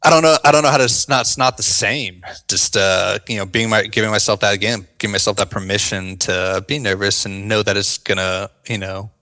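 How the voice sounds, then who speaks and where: An American man speaks as an interview guest, thoughtful and earnest. His voice sits low yet has a bright, forceful edge, and his speech is loose and casual, full of "like" and "you know" as he works his way to each point. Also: fairly even intonation, fairly quick, hardly any pauses. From United States. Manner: earnest and reflective, many fillers like "like" and "you know". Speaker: guest, veteran turned actor.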